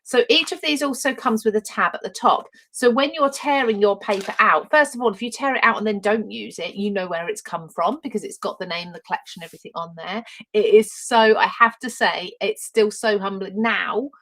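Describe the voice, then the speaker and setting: A woman's voice: mid-range voice, fairly quick, few pauses, fairly bright tone, poor audio. Chatty Essex woman demoing craft papers. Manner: chatty and enthusiastic, greets viewers by name mid-demo. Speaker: papercraft designer presenting her own collection. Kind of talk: live-stream product demonstration.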